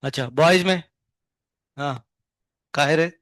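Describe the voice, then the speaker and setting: A male physics teacher with a high-pitched voice, firing short questions at his class and then talking them through the answers. The sound is dry and close, with almost no room echo. His talk is chatty and a little scolding. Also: a bit bright. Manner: chatty, scolding then explaining, asks students many quick questions; hums tunes to show wave shapes. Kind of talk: live classroom lecture.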